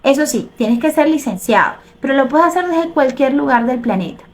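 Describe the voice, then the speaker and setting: A middle-aged Venezuelan woman with a Venezuelan accent, hosting a live show, reading viewer comments aloud and reacting in an animated way. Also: sits high, a little fast. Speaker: host.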